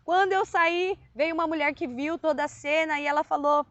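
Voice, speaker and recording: A woman from Brazil telling her conversion testimony in casual storytelling, emotional and animated, with sudden high exclamations. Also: normal speed, no echo, muffled recording. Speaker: vlogger.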